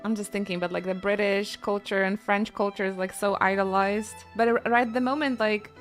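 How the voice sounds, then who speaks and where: A woman's voice: mid-range voice, steady tone, fairly quick, soft background music. A woman from Poland, chatting casually with her stream in a joking, self-mocking way. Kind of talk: casual chat with chat readers.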